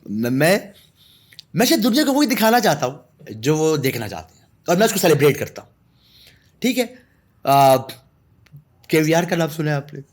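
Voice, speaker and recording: A man's voice: a little high, pauses often. A man from Pakistan, a guest telling anecdotes in a podcast conversation, laughing as he goes. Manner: animated anecdotal storytelling with laughter. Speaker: guest, artist and storyteller.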